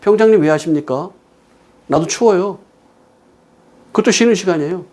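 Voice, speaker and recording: Middle-aged male pastor, slightly high voice, chatty sermon commentary full of anecdotes and pointed rhetorical questions. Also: moderate pace, darkish tone. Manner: storytelling with quoted dialogue, emphatic rhetorical questions.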